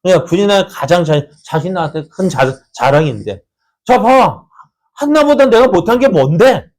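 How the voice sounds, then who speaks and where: Brief: indignant jealous wife, pitched up, demanding and sharp, put on by a male preacher. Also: expressive, normal speed.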